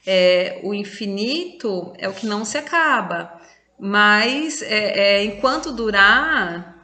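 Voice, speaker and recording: Slow, bright-voiced woman teacher, echoey room. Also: medium pitch, expressive. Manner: patient, explains step by step, counts syllables aloud. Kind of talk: recorded online class.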